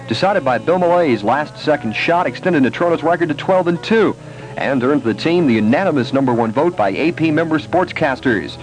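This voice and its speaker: Steady male radio sports reader. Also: mid-range voice, poor audio. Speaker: radio co-host and news reader. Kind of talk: reading sports news on radio.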